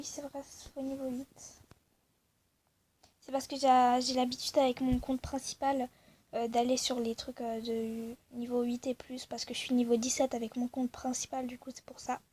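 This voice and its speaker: Chatty high-voiced girl narrating a game. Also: little pitch movement, moderate pace, husky. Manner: chatty, rambling with many fillers. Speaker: gaming video creator. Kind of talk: casual gameplay commentary. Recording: faint background noise.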